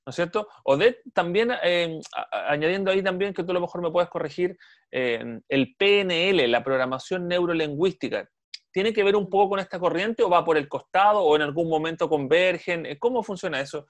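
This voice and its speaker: A man's voice: high-pitched, a little fast, dry recording. A man hosting a podcast conversation, speaking enthusiastically and addressing the listeners directly, with frequent restarts. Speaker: podcast host.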